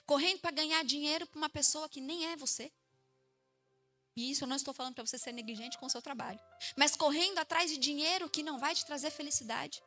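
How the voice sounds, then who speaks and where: A high-voiced woman in her thirties with a Brazilian Portuguese accent is a pastor preaching a sermon in church. She tells stories vividly, acting out the voices of the people she quotes.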